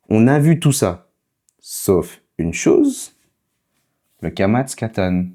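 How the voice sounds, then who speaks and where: A man's voice: low voice, dark tone. A man teaching how to read Biblical Hebrew in a casual online lesson. He is patient and keeps checking in with "ok?".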